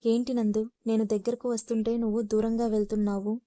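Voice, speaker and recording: A woman's voice: a little high, level tone, quick pace, warm tone, no room sound, studio quality, natural voice. A woman voicing a pushy, insistent young man in a storybook reading, in a coaxing, pressing way.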